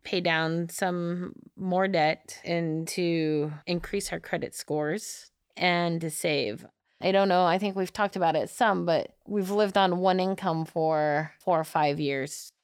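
A woman's voice: on the low side, steady tone, slow, smooth, no room sound, clean studio sound. A woman co-hosting a podcast, chatting casually and laughing often. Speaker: podcast co-host. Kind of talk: casual chat.

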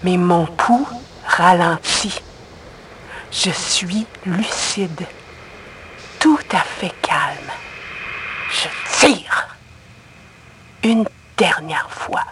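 Speaking very slowly with long pauses, a fairly low, animated female voice narrates an audio drama as a hunted young woman, her Québécois French accent shaping clipped, tense lines. The mood is tense and cold as the character shifts from nervousness to icy calm, with a music score clearly beneath her and some background noise.

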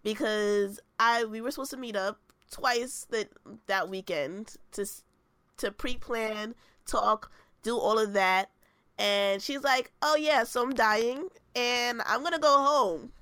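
A woman's voice: on the high side, slow pace, smooth, no room sound. A woman co-hosting a podcast, chatting casually and acting out quotes as she tells a story. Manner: animated storyteller, acts out quotes. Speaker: podcast co-host. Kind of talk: casual chat.

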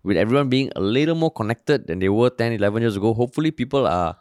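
A man's voice: mid-range voice, fast, clean tone, no room sound, clean studio sound. A man with a Singaporean English accent, co-hosting a podcast in casual chat, blunt and swearing freely. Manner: blunt, sweary, animated storytelling. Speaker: podcast co-host.

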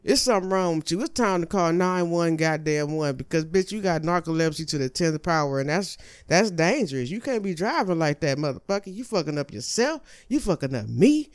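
Guy hosting his own show, cussing up a storm, smooth voice, keeps jumping up high when he gets fed up. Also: animated, brisk, few pauses. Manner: exasperated, profane, swings into high-pitched outbursts. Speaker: host. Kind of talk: profane comedic rant.

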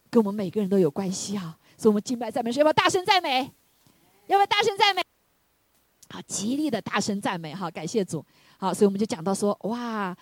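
A woman preaches a sermon. Her voice is husky and a little breathy, and it is recorded close and dry with no room sound. She climbs to loud, high praise and then falls back to quiet, questioning talk. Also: dry recording. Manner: swells to loud exclamations of hallelujah, then drops low; asks the congregation questions.

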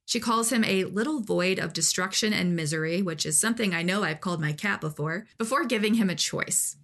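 A woman's voice: medium pitch, fairly quick, fairly bright tone. A woman co-hosting a podcast, recapping a story in casual chat and laughing often. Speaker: podcast co-host.

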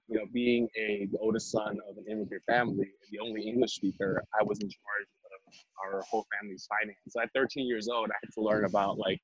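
A fairly low, breathy male voice belongs to a young man from Vietnam, an MBA student guest in a casual conversational interview. He keeps restarting and filling pauses, and the recording is dry and muffled.

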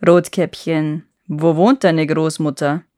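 A woman voicing a sly, hungry male wolf in a fairy tale reading, talking low and coaxing. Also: fairly even intonation, slow pace, a little mellow, dry recording, studio quality. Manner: low, scheming, sweet-talking.

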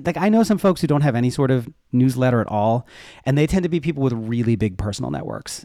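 In a dry, clean studio recording, a web development educator talks casually on a podcast in a medium-pitched, slightly mellow voice. He explains things candidly and conversationally, based on his own experience.

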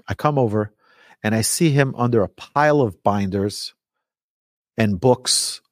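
A man teaching religion like a rabbi, telling stories emphatically with rhetorical questions and deliberate repetition. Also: on the low side, dry recording, studio quality. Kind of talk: lively religious lecture with storytelling.

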